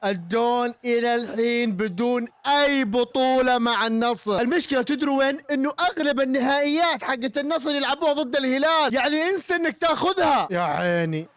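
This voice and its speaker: A young Saudi man with a Gulf Arabic accent, reacting loudly to a football match as a streamer, shouting and teasing rival fans. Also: very high-pitched, brisk, hardly any pauses, no echo. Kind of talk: excited live match reaction.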